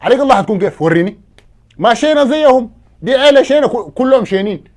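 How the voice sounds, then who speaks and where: A man with a Sudanese Arabic accent playing the suitor's father, a brash, loud guest who trades insults in a comedy sketch. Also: very high-pitched, lively intonation, very fast. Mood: mocking.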